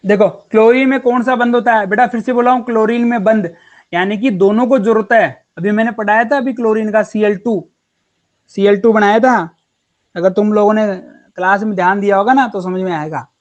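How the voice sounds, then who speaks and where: In a laid-back online chemistry class, a man with a high-sitting, steady voice talks fairly quickly. He is friendly and supportive toward his students, calling them "beta" and "yaar."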